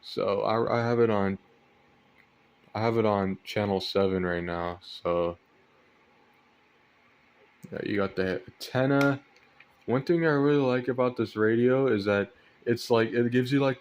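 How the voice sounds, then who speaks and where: A young collector with a smooth, mid-range voice presents his weather radios in a casual show-and-tell vlog, recorded indoors at home at night. He hesitates, rambles and repeats himself.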